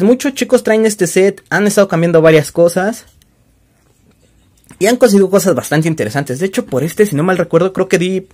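Lively, chatty Mexican man. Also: sits high. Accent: Mexican Spanish. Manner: chatty, joking, self-deprecating. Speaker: toy-collecting channel host. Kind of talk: casual show-and-tell vlog.

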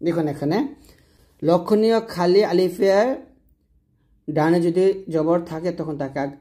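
A man teaching Quran recitation, explaining letter sounds plainly and demonstrating each sound slowly and several times. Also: on the high side, dark tone. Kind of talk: pronunciation lesson.

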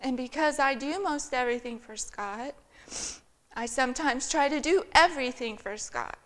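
Her voice is high-pitched and a bit bright, moving at a moderate pace as she shares a heartfelt personal testimony. The middle-aged woman speaks earnestly from a lectern in a big church sanctuary during a women's event, filmed from a distant camera.

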